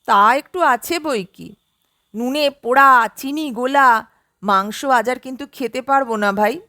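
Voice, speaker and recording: Woman reading a loud bossy teasing man, audiobook, high lively voice, close dry sound. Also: a little slow, no room sound, exaggerated voice. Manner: commanding, teasing. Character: bossy, boisterous man, old college friend.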